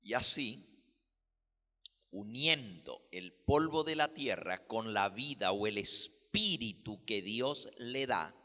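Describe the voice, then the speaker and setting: A man preaching a sermon as pastor, teaching slowly and deliberately, explaining words with care. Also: on the low side, animated, sharp tone, long reverb tail. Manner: slow, deliberate teaching with careful word explanations.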